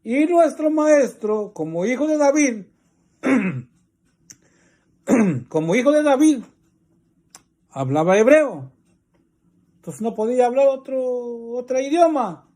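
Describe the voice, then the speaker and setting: A man with a Mexican Spanish accent, preaching a religious teaching in slow, deliberate, repetitive phrases. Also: very high voice, sing-song, dark tone.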